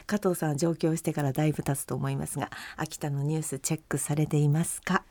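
A woman's voice: low-pitched, steady tone, fast, mellow, dry recording. A woman from Akita hosting a podcast, chatting casually with many laughs and dialect phrases, then reading news items. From Akita, Japan. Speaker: podcast host.

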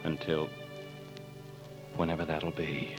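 An actor in a 1940s radio drama playing a steady, loving American man who speaks in a gentle, soft-spoken way. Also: extremely low pitch, slow pace, exaggerated voice. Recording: dull old radio broadcast with music behind.

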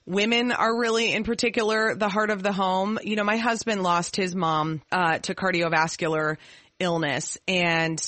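A woman podcast host talks in a chatty, emphatic way. Her voice is bright and mid-pitched, recorded close and dry. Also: steady tone, normal speed, no echo. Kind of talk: casual podcast chat, introducing a guest.

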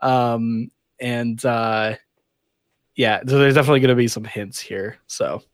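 A man's voice: medium pitch, steady tone, measured pace, no room sound, studio quality. A man co-hosting a sports podcast, talking casually and bluntly. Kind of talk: casual chat.

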